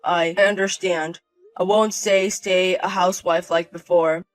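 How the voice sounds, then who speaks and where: A man's voice: high-pitched, flat delivery, a little slow, dry recording, soft background music, low-quality recording. A man voicing a self-centered husband in a drama, sounding flustered and pleading.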